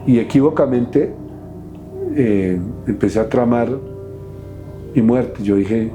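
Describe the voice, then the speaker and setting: A middle-aged man, recounting his past as an interview guest in a halting, emotional way with many restarts. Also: mid-range voice, expressive, lo-fi sound, music in the background. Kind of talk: personal testimony in an interview.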